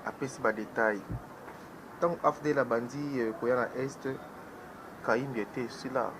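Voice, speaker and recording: A man giving political commentary as a guest on a talk show, talking in an animated way and switching between French and Lingala. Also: mid-range voice, unhurried, background noise.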